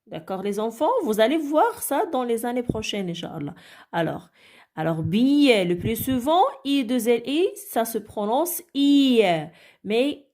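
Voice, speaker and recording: Animated teacher woman reading slowly. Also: on the high side. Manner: slow, syllable-by-syllable reading, animated. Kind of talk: reading lesson for young children.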